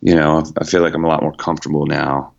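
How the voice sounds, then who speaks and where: A man with a low voice, a singer-songwriter guest talking casually and reflectively in an interview, with many "you know"s and "like"s. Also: level tone, fast, vocal fry, dull audio. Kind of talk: relaxed conversational interview.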